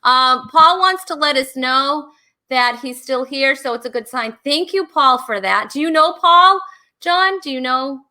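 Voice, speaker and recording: Bright, high-voiced woman hosting a chat. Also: lively intonation, unhurried. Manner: laughs often, reads viewer comments aloud. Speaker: host. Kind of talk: casual live-stream chat.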